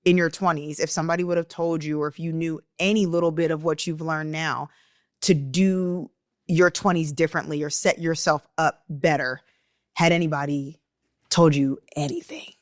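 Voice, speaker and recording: A woman's voice: low-pitched, fairly even intonation, moderate pace, no room sound, studio quality. A woman in her thirties hosting a podcast interview, talking candidly, laughing often and swearing casually. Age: 30s. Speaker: podcast host.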